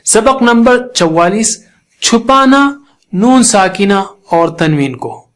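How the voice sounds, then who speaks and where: Man, rather high voice, Pakistani Urdu accent, patient teacher, slow repeated sound demonstrations. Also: expressive, a bit bright. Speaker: Quran recitation teacher. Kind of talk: step-by-step tajweed lesson.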